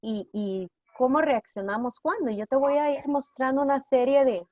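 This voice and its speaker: Here a facilitator of a trauma-informed care workshop, speaking in a high, slightly mellow voice, hosts an online session over video. Question follows question as she rattles off rhetorical prompts to her listeners. The sound is dry.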